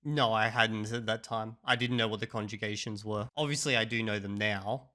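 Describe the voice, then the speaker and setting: A man's voice: lowish voice, fairly even intonation, a little fast, sharp tone. An Australian man hosting a vlog, reacting casually to a critique of his speech with self-mocking slang.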